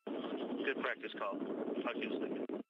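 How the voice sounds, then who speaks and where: A man on the spacecraft crew, reading back numbers in brisk procedural callouts over a space-to-ground radio link. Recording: muffled radio link with faint hiss.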